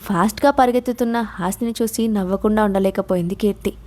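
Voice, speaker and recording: A woman narrating a suspense audio story in a steady storytelling manner. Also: mid-range voice, quick pace.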